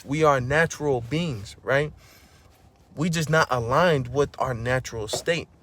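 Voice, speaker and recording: Speaking a little slowly, the man rambles through a casual motivational vlog, preachy and full of slang. He keeps saying "bro" and "you know what I'm saying," and gets loud and high-pitched when fired up.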